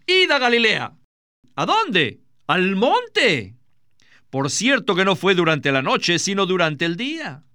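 A man's voice: a little high, bright, forceful tone, no room sound. A man voicing a preacher's sermon in a close, dry studio recording, emphatic and asking and answering his own questions. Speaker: voice-over interpreter of a preacher. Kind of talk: dubbed sermon.

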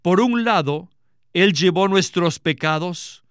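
A man's voice: sits high, slow, fairly bright tone, clean tone, no room sound, studio quality. A man interpreting a sermon with an earnest, preaching cadence.

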